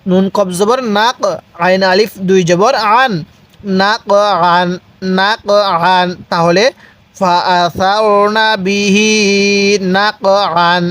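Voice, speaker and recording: A man teaching Quran recitation step by step, spelling out letters and vowel marks, then reciting slowly and asking viewers to repeat after him. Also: sits high, steady tone, a bit bright. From Bangladesh. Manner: asks viewers questions, then answers them himself.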